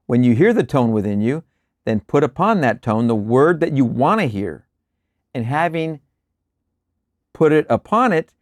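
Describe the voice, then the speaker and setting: A man hosting a show, reading spiritual lecture passages aloud in a measured, deliberate way and breaking off for relaxed asides and quiet chuckles. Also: mid-range voice, no echo, studio quality. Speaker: host reading and explaining lectures. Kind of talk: reading aloud with casual commentary.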